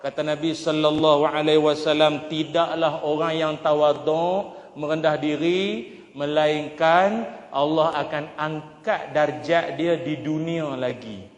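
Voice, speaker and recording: A male preacher delivers a joking, animated sermon in a fairly high voice, slipping into the voices of the people in his stories. He is recorded in a large mosque hall, and his words ring out with a roomy, long reverb. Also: a little slow. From Kedah, Malaysia. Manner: jokey, animated, acts out characters. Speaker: religious preacher.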